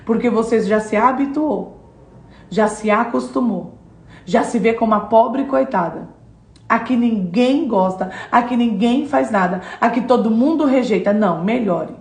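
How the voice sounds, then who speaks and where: High-voiced woman preaching. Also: a little slow, a little mellow, reverberant. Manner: emphatic, repetitive phrasing; addresses listener directly. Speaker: devotional teacher. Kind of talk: devotional sermon-lesson.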